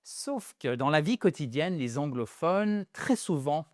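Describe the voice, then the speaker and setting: A man teaching English to French speakers in a lively video lesson, a native French speaker who addresses viewers as dear friends and repeats English phrases slowly. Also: a little high, no echo, clean studio sound.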